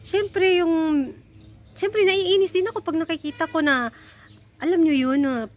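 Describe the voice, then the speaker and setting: A woman's voice: extremely high pitch, a little slow. A young woman, telling a story to her viewers in a chatty vlog style, often laughing and calling them guys. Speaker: vlogger. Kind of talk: casual chat to viewers. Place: home in Nepal.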